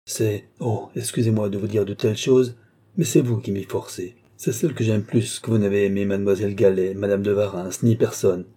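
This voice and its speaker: A man's voice: lowish voice, steady tone, fairly quick, warm tone, close to an everyday voice. A man voicing a frightened young man in an audiobook, pleading and protesting his innocence. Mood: earnest. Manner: pleading, stammering.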